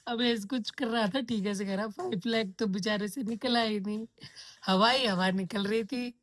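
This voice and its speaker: A woman talking casually into a handheld phone camera as she vlogs her day. Her talk is chatty and full of storytelling, with English words slipped in. The tone stays relaxed and conversational throughout. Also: on the high side, moderate pace. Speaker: vlogger. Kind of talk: casual daily vlog. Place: home, then office.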